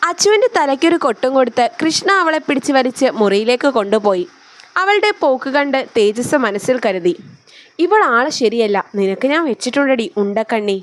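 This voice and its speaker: A woman's voice: sits high, no room sound. Woman reading a story, dry and close. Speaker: storyteller, channel host. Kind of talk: reading a serialized romance story aloud.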